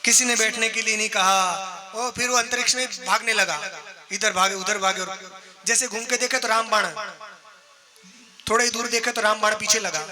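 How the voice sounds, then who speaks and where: High-voiced male storyteller preaching. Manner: dramatic storytelling, acts out voices. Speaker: religious storyteller. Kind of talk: devotional story sermon. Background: devotional music.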